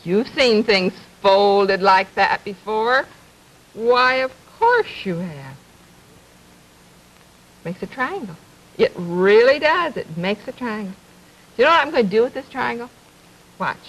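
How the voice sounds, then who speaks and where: A woman hosting a children's TV show from the 1950s, talking slowly and coaxingly to young viewers and asking them lots of questions as she demonstrates things. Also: fairly high pitch, low-quality recording. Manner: slow, coaxing, asks many questions of the viewer. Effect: 1950s TV broadcast sound. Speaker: children's TV host. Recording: old 1950s TV broadcast, faint hiss.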